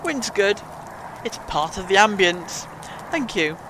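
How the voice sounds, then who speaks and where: Over clearly noisy ambience, a man acts out a high-voiced male time traveller from an audio drama. He is witty and whimsical. He reassures with breezy, wry logic and a theatrical turn of phrase. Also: expressive, slow pace. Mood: breezy, friendly. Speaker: amateur audio drama actor. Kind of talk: fan audio drama acting.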